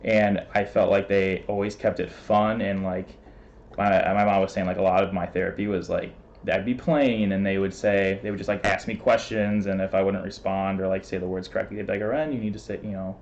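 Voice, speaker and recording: A man speaking as a guest in a relaxed chat. His voice sits a little low, and his quick, rambling talk is full of fillers and laughs. The sound is dull and lo-fi, like stream audio. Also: slight background noise. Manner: talks fast, laughs often, many fillers. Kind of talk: casual interview.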